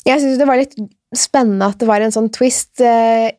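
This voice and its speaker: A woman hosting a podcast, reading scary stories in a measured, steady way and chatting casually afterward. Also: fairly high pitch, clear, resonant tone, no echo. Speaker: podcast host. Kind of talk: scripted horror story narration.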